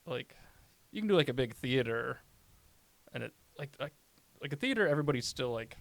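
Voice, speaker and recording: A man's voice: mid-range voice, very animated, brisk, vocal fry, no echo. A man, a stand-up comedian, chatting casually on a podcast, telling rambling stories and swearing often. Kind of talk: casual chat.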